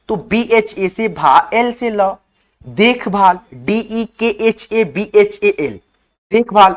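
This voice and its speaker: A man talks through an online spelling lesson, breaking each word into letters at an unhurried pace. He keeps stopping to check in with his viewers, calling them friends. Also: sits high. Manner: spells words out letter by letter, slowly; often says "okay, friends". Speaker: English teacher.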